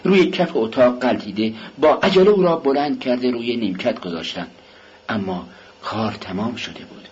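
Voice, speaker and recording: A man narrating an audiobook in a dramatic, expressive style. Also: mid-range voice. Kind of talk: scripted narration. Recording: dull lo-fi recording with faint hiss.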